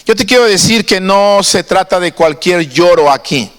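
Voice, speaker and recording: A man's voice: sits high, expressive, normal speed, a bit bright, long reverb tail. A man preaching a sermon to his congregation. He talks in a conversational way and often asks his listeners questions. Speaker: pastor. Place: church.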